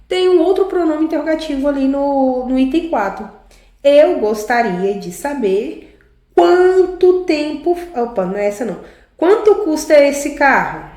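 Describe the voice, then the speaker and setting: A woman teacher explains a lesson patiently, piece by piece, often ending sentences with a quick check on her students. Her voice sits a bit high but sounds mellow. The room around her is noticeably echoey. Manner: explains slowly, often tags sentences with a question. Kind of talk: online class lesson.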